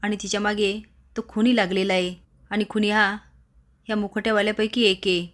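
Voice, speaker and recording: A woman's voice: mid-range voice, level tone, a little fast, natural voice. A woman voicing an anxious, angry man searching hard for his missing sister. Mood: worried, insistent. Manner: shouting, insistent.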